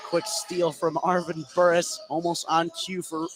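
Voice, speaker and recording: His voice is on the high side, flat and a little slow as he delivers live radio play-by-play of a basketball game. He's in an indoor gym, and the gym's noise comes through clearly.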